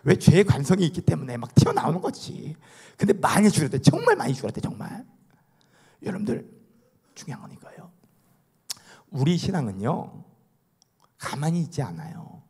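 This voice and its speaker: A middle-aged man, a pastor preaching a sermon in a church, animated and often calling out hallelujah. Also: fairly high pitch, moderate pace, gravelly, long pauses, breathy edge. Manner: animated, calls for amens and hallelujahs. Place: church sanctuary.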